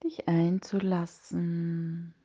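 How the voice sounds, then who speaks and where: A woman guides a meditation in a hushed, soothing voice that is soft, breathy and partly whispered, leaving long pauses between phrases. Her voice sits lowish and her delivery is flat. The high frequencies are cut off.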